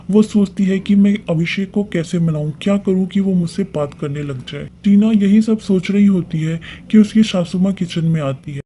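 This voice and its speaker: High-voiced man narrating a story. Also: a little hiss or hum. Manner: steady, plain narrating.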